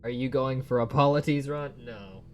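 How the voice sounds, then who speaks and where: A man with a mid-pitched voice plays through a story game. He comments casually and playfully, talking back to the characters and reading choices aloud, with faint music behind him. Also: normal speed. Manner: playful, bantering with the game's characters.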